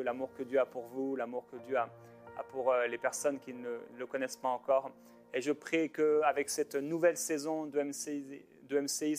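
Man, pastor host, fervent, rambling, halting fillers, slightly high voice. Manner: fervent, rambling, with many filler pauses and restarts. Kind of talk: informal ministry talk to viewers.

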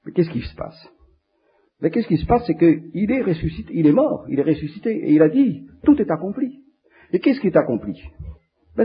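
A man preaching a sermon, animated and repeating phrases for emphasis. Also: medium pitch, slightly rough, dull audio.

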